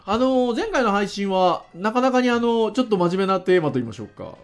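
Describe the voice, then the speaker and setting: Lively, higher-pitched man, ultra-polite podcast host. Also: fast talker, smooth. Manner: ultra-polite, very formal honorific Japanese. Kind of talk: podcast casual chat in polite speech.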